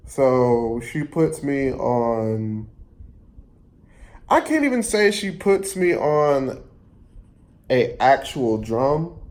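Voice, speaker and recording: A storyteller vlogger shares a personal story in a relaxed, conversational way, his medium-pitched voice mellow and unhurried. He wanders a bit, pausing to rephrase and repeat himself.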